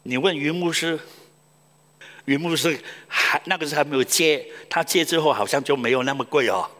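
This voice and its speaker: A male pastor preaching a sermon, telling stories with loud exclamations and hushed asides. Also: fairly high pitch, moderate pace, big-room sound. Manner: animated storytelling, swings between loud exclamations and hushed asides.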